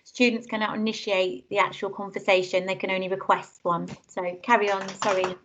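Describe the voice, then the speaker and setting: A woman heard over a video call, explaining software step by step in a casual, chatty way. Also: medium pitch, little pitch movement, fairly quick. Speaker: trainer demonstrating software. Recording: muffled video call audio.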